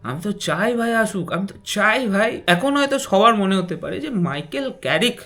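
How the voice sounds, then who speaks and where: Watching a match, this reaction vlogger chats in slang with plenty of excitement, dropping from quiet asides to outright shouting. The voice is medium-pitched and fairly quick.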